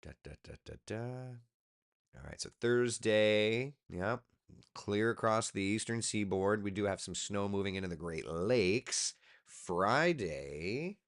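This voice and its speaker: A man's voice: fairly low pitch, expressive, slow pace. A tired man, a TV weatherman, chatting casually on a live stream while walking through forecast maps. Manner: loose, chatty, talks to himself while working. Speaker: TV meteorologist hosting a live chat.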